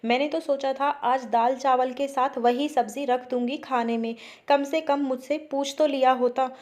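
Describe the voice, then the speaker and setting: A woman reading the lines of a young sister-in-law who scolds crisply. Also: high voice, fairly even intonation, normal speed, darkish tone, close to an everyday voice. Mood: scolding. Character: young sister-in-law, mock-sharp then warm.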